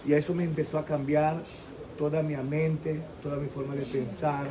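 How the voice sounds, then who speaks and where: A man in his sixties from Venezuela giving a lively faith testimony in an interview, acting out the people in his story and pausing to search for words. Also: fairly high pitch, a crowd in the background. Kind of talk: animated personal testimony.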